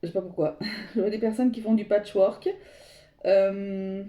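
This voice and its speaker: Woman doing a tarot reading for viewers, rambly and searching for words, super mellow dark voice, echoey room. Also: mid-range voice, fairly even intonation, unhurried. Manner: meandering, searching for words, addresses viewers directly. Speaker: tarot reader. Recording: roomy echo.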